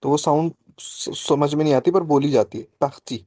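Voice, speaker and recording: This man's voice sits on the high side, warm and free of echo. He's running a live online French class by video call in a Hindi-English mix, explaining with slow patience and frequently pausing to check with "ठीक है."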